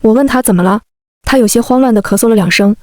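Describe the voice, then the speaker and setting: A woman's voice: on the high side, quick pace, darkish tone, no echo, clean studio sound. A young woman telling a first-person romance story, voicing all the characters in her own light voice. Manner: plays every character in the same light voice. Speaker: narrator.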